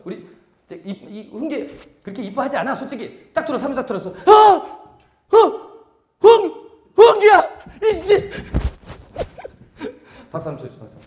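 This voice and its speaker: A man giving a seminar lecture to a live audience, acting out little scenes with sudden shouts. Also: sits high. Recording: echoey hall.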